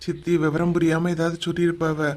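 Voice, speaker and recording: Worried young son, Kanyakumari accent, earnest, mid-pitched voice, acted in a skit. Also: completely flat delivery, brisk, lightly acted. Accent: Kanyakumari Tamil. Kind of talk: acted village family drama.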